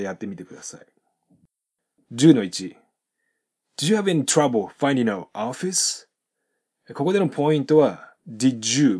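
Husky man teaching pronunciation. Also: mid-range voice, dark tone. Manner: slow careful model sentences between quick explanations; instructive, many fillers. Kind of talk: explanatory lesson narration.

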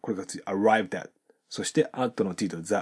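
A man teaching English pronunciation from a textbook, reading example sentences slowly and explaining how the sounds link. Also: lowish voice, darkish tone, husky.

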